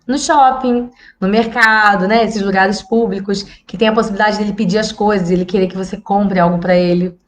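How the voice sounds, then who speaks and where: A woman's voice: mid-range voice, steady tone, brisk, hardly any pauses, slight background noise. A Brazilian woman psychologist giving parenting advice in a casual, chatty way, often checking in with the viewers. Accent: Brazilian Portuguese. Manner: chatty, tags sentences with "tá?" and "gente". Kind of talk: casual educational talk to viewers.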